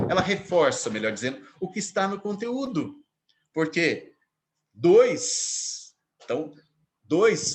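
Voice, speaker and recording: A man gives a literature lecture, his voice a little high and very lively in pitch. He slows down and leans on the quoted phrases. A steady background noise runs under the recording. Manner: animated, stresses quoted phrases slowly. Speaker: literature teacher. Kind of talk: lecture on poetry.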